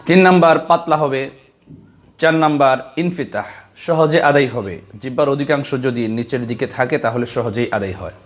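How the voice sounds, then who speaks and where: A man teaching how to pronounce a letter in Quran recitation, explaining step by step and repeating syllables for practice. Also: medium pitch. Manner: slow, deliberate, drawing out sounds and repeating syllables. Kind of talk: slow, patient tajweed lesson.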